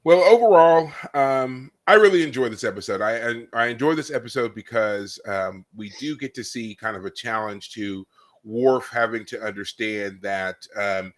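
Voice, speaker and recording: A man co-hosting a casual podcast chat who retells favorite scenes with mounting energy. He gets excited and punctuates his stories with loud bursts. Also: medium pitch, moderate pace. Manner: animated storyteller, acts out scenes with loud exclamations. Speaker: podcast co-host. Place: live podcast recording.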